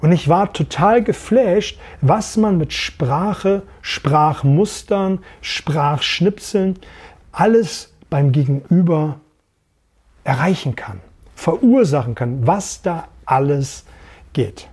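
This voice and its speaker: A man's voice: fairly high pitch, expressive, takes it slowly, a little mellow, husky. A middle-aged man hosting a podcast, talking energetically about sales and voice work, repeating phrases and showing voice techniques. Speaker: podcast host and sales trainer. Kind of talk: casual podcast monologue.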